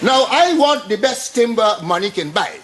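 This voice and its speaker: A man's voice: very high voice, lively intonation, normal speed, fairly bright tone. An actor with a Guyanese accent playing a boastful older male barbershop owner who lectures his customers in a studio sitcom. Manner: pompous, lecturing.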